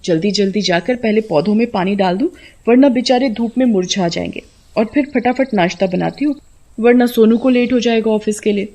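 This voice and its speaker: A woman voicing a chatty, plant-loving young wife who scolds her husband in an animated horror story. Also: medium pitch, a little fast, close to an everyday voice.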